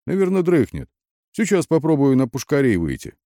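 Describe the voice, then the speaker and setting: A man voicing a young male army radio operator giving quick, shouted replies. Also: medium pitch, sing-song, no echo, clean studio sound, pitched above the performer's own voice. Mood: eager.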